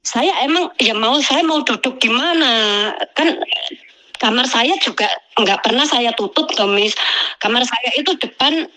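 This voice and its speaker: A woman tells her story to a host in a casual way. She sounds animated and complaining, and she keeps calling the listener "Miss". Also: a little high, unhurried, low-quality recording. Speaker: migrant domestic worker telling her story.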